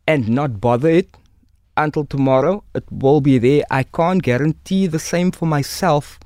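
A man's voice: on the high side, moderate pace, darkish tone, no echo, clean studio sound. A man with a Cape Town Coloured South African accent, talking with conviction in conversation and explaining through examples and analogies. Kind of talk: impassioned conversation.

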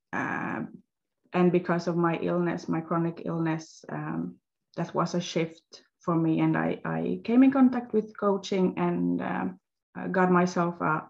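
A woman, a health coach appearing as an interview guest, tells her story slowly and haltingly, stopping to find words. Swedish is her first language, and her lowish voice has gravelly fry. The audio is dull and lo-fi.

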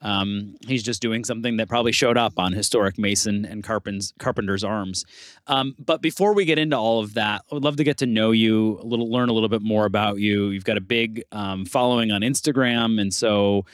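A man's voice: lowish voice, fairly quick, dry recording, studio quality. A man hosting a podcast, reading a scripted intro and then asking questions with many fillers and restarts. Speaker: podcast host. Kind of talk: casual interview chat with scripted intro.

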